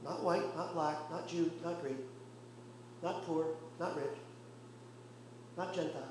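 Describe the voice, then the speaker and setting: Man, pastor, sermon, high voice, booming church reverb, faint hum. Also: steady tone. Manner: impassioned preaching with rhetorical questions and pauses. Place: church sanctuary.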